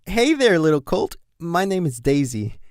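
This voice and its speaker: A man's voice: fairly high pitch, huge pitch swings, normal speed, fairly bright tone, no room sound, clean studio sound, pitched above the performer's own voice, heavily acted. A man voicing an adult mare who puts on a forced, friendly manner. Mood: cheery. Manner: falsely friendly.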